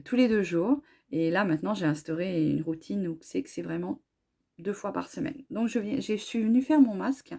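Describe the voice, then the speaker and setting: A middle-aged woman with a hoarse voice from a cold, chatting casually about her hair products with many fillers and restarts. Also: on the low side, warm tone. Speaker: beauty vlogger.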